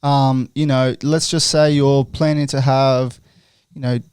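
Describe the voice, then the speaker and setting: A man's voice: mid-range voice, level tone, a little slow, a little mellow, clean tone, no room sound, clean studio sound. A young man hosting a podcast, talking casually and rambling with lots of "you know" fillers. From Australia. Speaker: podcast host. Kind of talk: casual chat.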